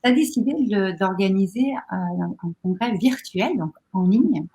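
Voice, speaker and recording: A woman's voice: medium pitch, lively intonation, measured pace, dark tone. A woman hosting a podcast interview, reflecting on what she hears and putting leading questions to her guest. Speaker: podcast host.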